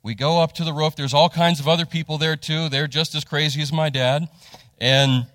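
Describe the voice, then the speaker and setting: A man's voice: on the high side, moderate pace, dry recording, long reverb tail. A pastor telling a family story in a sermon, acting out the people he quotes before turning to scripture. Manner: animated storytelling, acts out quotes.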